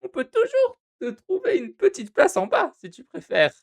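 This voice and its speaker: A man voicing a sugary female cat receptionist in purgatory in a game, speaking in a high cooing falsetto. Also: wildly swooping pitch, moderate pace, vocal fry, heavily acted. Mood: teasing. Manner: cooing, calls everyone darling.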